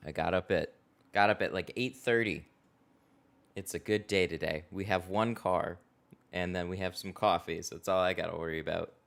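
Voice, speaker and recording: A relaxed man streams live from a car tint shop, talking in a casual, chatty way and laughing often. He answers viewers one after another as he works, in a slightly low voice. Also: normal speed, gravelly. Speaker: window tint installer and livestream host. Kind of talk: casual livestream chat while working. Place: tint shop garage, indoors.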